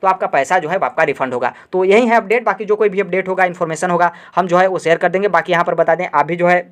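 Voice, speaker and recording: A man hosting an exam-update video, explaining directly to viewers in a rapid, repetitive way full of fillers. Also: high voice.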